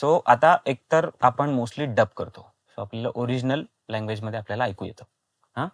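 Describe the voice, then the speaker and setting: Speaking at normal speed with a medium-pitched voice, a man appearing as a guest voice and dubbing actor chats about his craft. His emphatic style repeats phrases for emphasis and borrows English words, captured in clean studio sound without echo.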